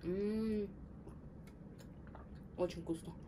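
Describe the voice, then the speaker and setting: A woman's voice: medium pitch, fairly even intonation, extremely slow. A woman hosting an eating video, talking with her mouth full and chewing, humming appreciatively between short remarks. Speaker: mukbang host. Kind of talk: casual eating chat. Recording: distant mic with background noise.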